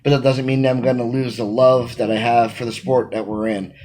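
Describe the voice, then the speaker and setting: In a small room at home, a wrestling manager in his thirties holds a phone camera at arm's length and emphatically answers interview questions he reads aloud. His mid-range voice moves briskly, he's full of energy and gestures, and the audio is poor.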